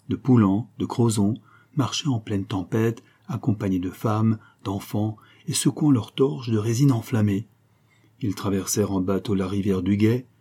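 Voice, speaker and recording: A man narrating a historical novel as an audiobook, telling the story at a steady, measured pace. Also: lowish voice, slightly rough.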